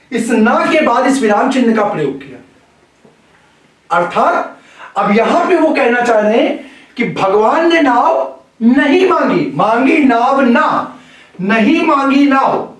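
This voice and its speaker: Echoey, high-voiced male teacher. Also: far from the mic. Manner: slow, deliberate, repeats key phrases for emphasis. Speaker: Hindi grammar teacher. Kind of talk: classroom lecture. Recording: very echoey room, voice away from the mic.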